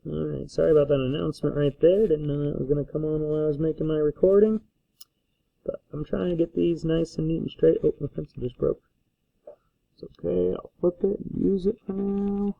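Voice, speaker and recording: Guy teacher explaining stuff casually step by step, bit high voice, muffled lo-fi recording. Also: gravelly. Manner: checks in often with "okay?". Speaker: school teacher. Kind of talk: casual instructional screencast. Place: indoors at a desk, recording a screencast. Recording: slightly dull lo-fi screencast audio.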